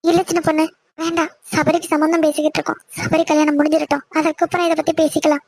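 A woman's voice: high voice, flat delivery, racing, a little mellow, dry recording. A woman voicing a worried, apologetic village mother. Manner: pleading and apologetic. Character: worried middle-aged village mother, timid of her husband. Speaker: cartoon voice. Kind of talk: Tamil cartoon voice acting.

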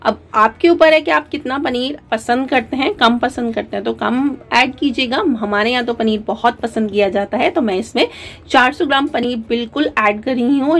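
A woman narrates a recipe as a channel host, her voice sitting a little high. She talks through each step calmly, pausing on fillers and mixing words into her speech. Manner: calm step-by-step instruction with frequent fillers.

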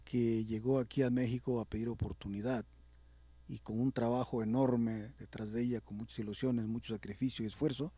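Husky man recalling his songs. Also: medium pitch, fairly even intonation, brisk, dark tone, no room sound. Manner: reflective, grateful, with frequent "este" fillers. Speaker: songwriter guest. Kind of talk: casual interview conversation.

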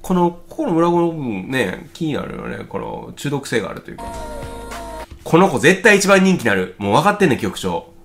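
A man with a Kansai accent giving casual, excitable reaction commentary as host, thinking aloud and exclaiming often. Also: a little high, a little fast, creaky. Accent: Kansai Japanese. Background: faint music video playing.

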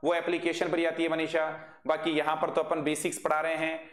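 A man teaching English vocabulary in a live online class. He drills his students with quick questions, reads their chat messages aloud, and pronounces English with an Indian accent. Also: fairly high pitch, completely flat delivery, roomy sound.

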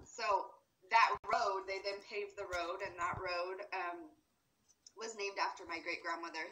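A woman teacher talking chattily to her class, laughing now and then. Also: medium pitch. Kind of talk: lesson on a video call. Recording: noisy recording.

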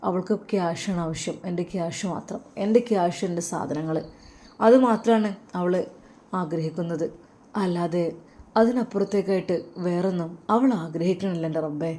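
A woman voicing a troubled young male religious scholar who deeply loves his mother, speaking softly and sorrowfully. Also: fairly even intonation, normal speed, lightly acted. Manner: soft, sorrowful, heartfelt.

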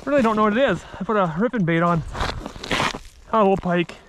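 A man's voice: sits high, fast, noisy background. A man in his thirties chatting casually while ice fishing outdoors, upbeat and rambling, recorded on a body-worn action camera. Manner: upbeat, rambling, excited when fish bite. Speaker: vlogger, angler. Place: outdoors on a frozen lake.

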